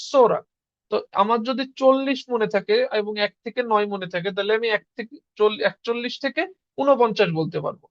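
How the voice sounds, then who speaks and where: A patient language teacher, speaking over a video call. The teacher repeats each word slowly and prompts the class to echo it. The sound is muffled and dull, close and dry with no room echo. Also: medium pitch. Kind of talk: online class lesson.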